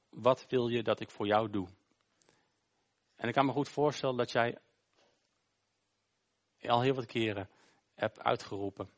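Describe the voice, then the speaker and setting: A male pastor gives an informal sermon during a church service. He tells a Bible story conversationally, often pausing on "eh". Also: mid-range voice, fairly bright tone. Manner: informal, storytelling, with frequent hesitations.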